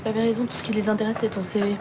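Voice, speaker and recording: A discouraged young woman, acted by an actress speaks quickly in a mid-range voice. Clear traffic noise sits behind her in this TV soap drama scene. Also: mid-range voice, level tone, lightly acted. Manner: glum, discouraged. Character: young woman, jobless and downhearted.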